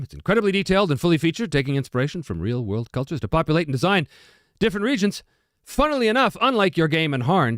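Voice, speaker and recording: Male stream host, casual chat, animated delivery, dry close sound. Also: on the high side, no room sound. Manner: chatty, self-interrupting, laughs often. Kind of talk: casual live-stream chat reading comments.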